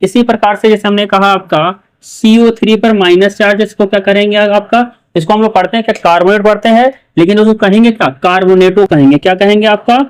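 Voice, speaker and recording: High, smooth-voiced male chemistry teacher. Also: fairly even intonation, a little fast, hardly any pauses, rough recording. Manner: asks questions and repeats answers. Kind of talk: classroom lecture.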